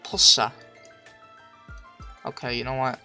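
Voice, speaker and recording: A man's voice: medium pitch, slow, faint music behind. Foul-mouthed male streamer thinking aloud. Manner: swears constantly, thinks aloud, second-guesses himself; bursts into loud excited shouts. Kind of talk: casual gameplay commentary.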